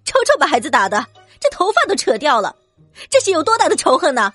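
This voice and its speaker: A woman voicing a loud, indignant village aunt in an audio drama. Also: high-pitched, huge pitch swings, quick pace, no echo, faint music behind, pitched above the performer's own voice, full character voice.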